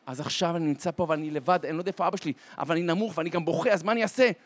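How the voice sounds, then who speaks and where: High-voiced man preaching dramatically. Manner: dramatic storyteller with wide swings in pitch and loudness; slows to a drawn-out, deliberate delivery for emphasis. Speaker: rabbi and lecturer. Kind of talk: inspirational holiday talk.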